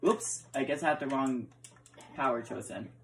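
In an indoor room, a camera pointed at a TV screen captures a woman casually chatting as she role-plays a block-building game, frequently stammering and repeating words. Her voice is extremely low-pitched and moderately paced, with a faint hiss or hum behind it.

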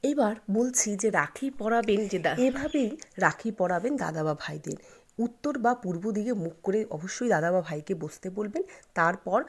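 A woman's voice: mid-range voice, animated, breathy edge. A woman hosting her own channel, explaining ritual timings and customs in an earnest, advising instructional manner. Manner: earnest, advising, reciting a mantra slowly. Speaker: channel host giving ritual guidance.

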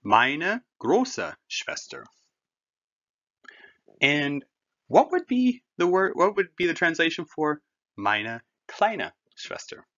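A man's voice: a little high, sing-song, slow pace, pauses often, fairly bright tone. A man teaching a German lesson, patient and conversational, explaining with everyday comparisons. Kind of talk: classroom language lesson. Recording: dull lo-fi recording.

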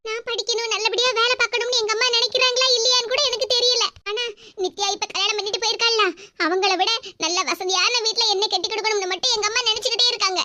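A woman's voice: extremely high pitch, steady tone, quick pace, bright, forceful tone. Woman voicing a tearful Kanyakumari college girl. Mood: sorrowful. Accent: Kanyakumari Tamil. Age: young adult. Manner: plaintive, sorrowful. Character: tearful young college girl, scolded by her mother. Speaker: college student. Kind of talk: animated cartoon dialogue.

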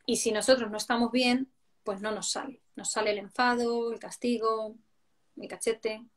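A woman from talks through everyday parenting moments in an interview. Her voice sits a bit high, and she answers in a lively, explanatory way. She slips into the voices of the people she quotes. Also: normal speed. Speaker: parenting educator.

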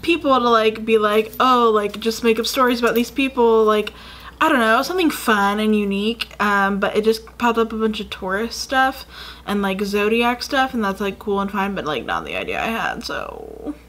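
A woman's voice: on the high side, expressive, moderate pace, a bit bright. Chatty young woman, rambling vlog. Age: 20s. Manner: chatty and rambling, many fillers. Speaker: YouTuber. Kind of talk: casual storytelling vlog. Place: dim room indoors.

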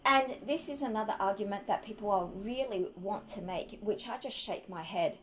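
A woman's voice: mid-range voice, moderate pace, slight background noise, poor audio. A woman from Australia, delivering an argumentative opinion monologue full of rhetorical questions. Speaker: vlogger.

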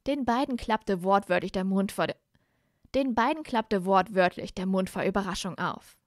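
A woman's voice: mid-range voice, moderate pace, no room sound, clean studio sound. A woman reading fan fiction aloud live, often restarting and correcting herself mid-sentence. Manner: frequent restarts and self-corrections. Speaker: audiobook reader.

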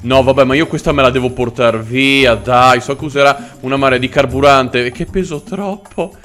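A man giving live gameplay commentary, excitable, panicking out loud and speaking with mock politeness to enemies. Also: medium pitch, moderate pace, soft background music. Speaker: let's play gamer.

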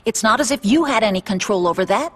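An actress playing a caring, protective middle-aged widowed aunt, speaking gently and earnestly in a slightly husky voice. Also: female voice, medium pitch, animated, quick pace. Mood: reassuring. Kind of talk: naturalistic game cutscene acting.

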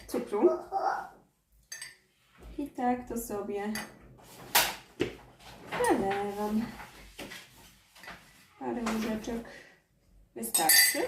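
A woman's voice: on the high side, background noise. A mother vlogging at home, chatting casually as she bakes and thinking aloud, often restarting her sentences. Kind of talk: casual home vlog with baking steps. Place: home kitchen. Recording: echoey kitchen with clattering dishes.

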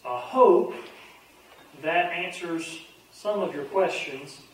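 A male pastor teaching a Bible class in a quick, conversational way, often restarting his sentences. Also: sits high, slight background noise. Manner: fast-talking, conversational, repeats his starts. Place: church sanctuary. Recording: very echoey room, voice from far off.

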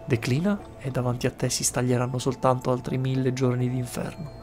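A man reading aloud a manipulative male villain's game dialogue in a hushed, insinuating voice, with faint game music behind. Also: mid-range voice, level tone, a little fast, lightly acted. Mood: scheming. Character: scheming manipulative male villain, smooth-talking.

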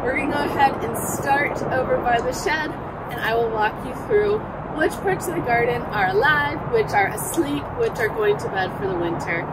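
A woman's voice: fairly high pitch, lively intonation, normal speed, heavy background noise. A woman, chatting casually and upbeat as she walks through her garden, speaking into a phone held at arm's length outdoors. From southern Alabama, USA. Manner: chatty, upbeat, folksy asides. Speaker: garden vlogger. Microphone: phone camera held at arm's length. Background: faint outdoor ambience, passing helicopters.

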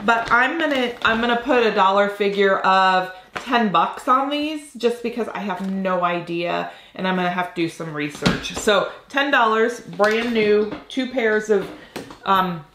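Unboxing at her home office desk, a woman in her forties thinks aloud in a chatty, casual way as she handles items for her reselling vlog. Her medium-pitched voice is expressive, a bit bright, and slightly nasal from a cold, with a measured pace, reverberation, and slight background noise.

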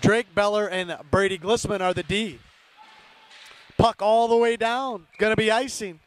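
High voiced guy doing local hockey play by play, short choppy calls, total homer. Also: steady tone, measured pace. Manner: partisan, rooting for home team; clipped phrases naming players. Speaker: play-by-play commentator. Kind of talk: amateur hockey commentary. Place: indoor ice rink, from the stands.

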